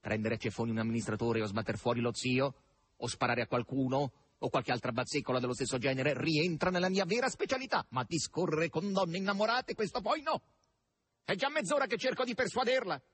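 A man voicing a gruff, sardonic male demon henchman in an audiobook reading, curt, impatient and mocking. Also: medium pitch, level tone, quick pace, no echo, close to an everyday voice.

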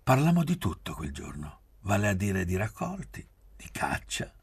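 A man narrating a literary novel as an audiobook reader, measured and soft-spoken, at times dropping almost to a whisper. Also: lowish voice, big pitch swings, creaky, slightly rough, no echo.

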